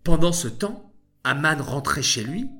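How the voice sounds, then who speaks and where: A man tells a children's story slowly, with a lively, rising and falling voice. His pitch sits a little high, and soft music plays behind him. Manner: slow and expressive.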